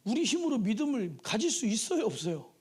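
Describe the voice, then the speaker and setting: A man preaching a midweek sermon in a church, his voice sitting very high and leaping up and down. He throws out rhetorical questions and bursts into shouts for emphasis. He also acts out pleading prayers in a sing-song tone. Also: big pitch swings, fairly quick, slightly rough. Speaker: pastor. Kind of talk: Wednesday evening sermon. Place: church sanctuary.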